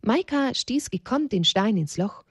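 A woman narrating a children's story in a gentle storytelling tone. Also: on the high side, lively intonation, measured pace, breathy edge, no echo.

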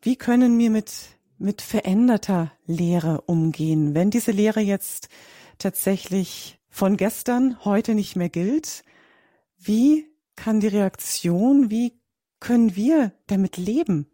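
A woman's voice: medium pitch, slow, mellow, no echo, studio quality. A woman hosting a church radio program, thanking the guest and asking earnest, searching questions. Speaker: radio host. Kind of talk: interview moderation.

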